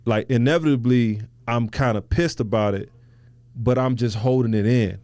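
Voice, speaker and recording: A man's voice: mid-range voice, moderate pace, darkish tone, no room sound. A man hosting a podcast, talking reflectively in loose, slangy, casual conversation. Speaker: podcast host.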